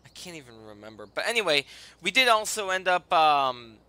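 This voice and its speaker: A man giving casual, halting and rambling commentary over a video game as its host. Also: sits high, sing-song, pushed and bright, clear, resonant tone, dry recording. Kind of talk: casual let's play commentary.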